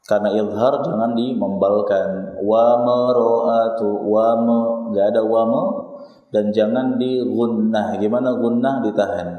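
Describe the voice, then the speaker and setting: Echoey, slow-spoken Indonesian man teaching recitation. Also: on the low side, fairly even intonation, muffled recording. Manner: drills syllables slowly and repeats them for students. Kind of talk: tajwid lesson with slow demonstrated recitation. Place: small prayer room. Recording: echoey, long reverb hall sound.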